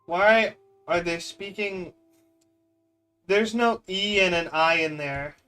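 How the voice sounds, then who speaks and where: Slow and high, with a pushed, bright, clear and resonant tone, a young man streams a block-building game while faint music plays behind him. He chats casually and rambles, teasing his chat in disbelief.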